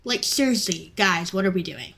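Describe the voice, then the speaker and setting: A young woman who works in fast food, ranting about customers in an exasperated, sarcastic vlog. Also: lowish voice, animated, vocal fry, pushed and bright, husky. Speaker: fast food worker and vlogger.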